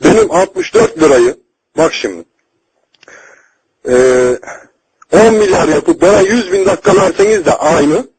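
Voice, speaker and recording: A man's voice: high-pitched, wildly swooping pitch, measured pace, creaky, pauses often, darkish tone, husky, no room sound. A man making a heated, foul-mouthed, confrontational complaint as a customer over a landline phone. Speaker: customer calling a phone company helpline. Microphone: telephone line. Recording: noisy landline phone call recording.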